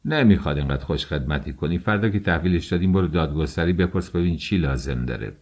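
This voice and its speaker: Gruff impatient police captain, deep and curt, voiced by a male narrator. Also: lively intonation, a little mellow. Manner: curt, commanding.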